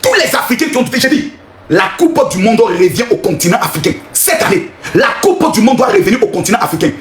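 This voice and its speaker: A man from Cameroon, hosting an excited livestream reaction, shouting, laughing and preaching in a sing-song way. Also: sits high, a little fast, over music. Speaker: live streamer. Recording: echoey room.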